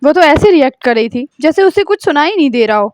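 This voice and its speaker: A woman reading a romance novel aloud in a steady storytelling manner. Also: high-pitched, dry recording. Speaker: narrator.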